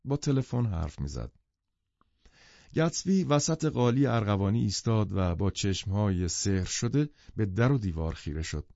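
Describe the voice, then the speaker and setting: A man narrating an audiobook in a measured, even reading. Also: lowish voice, gravelly, no room sound, lo-fi sound. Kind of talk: scripted literary narration.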